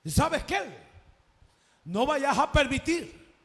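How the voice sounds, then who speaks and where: A Salvadoran man preaching a sermon, telling a personal story and acting out its conversations, now and then rising to a shout. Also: extremely high pitch, big pitch swings, slow, long reverb tail.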